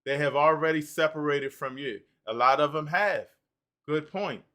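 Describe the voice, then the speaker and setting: Male stream host, bright and fairly high voice, works through the chat out loud. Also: normal speed. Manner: animated, reads out and answers chat comments. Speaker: livestream host. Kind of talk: livestream talk reading chat comments.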